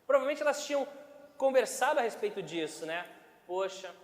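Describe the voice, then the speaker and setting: A pastor with a fairly high voice gives a conversational sermon, talking fast with big swings in pitch and checking in with his congregation along the way. The church hall recording sounds roomy and echoey, with a long reverb trailing each phrase.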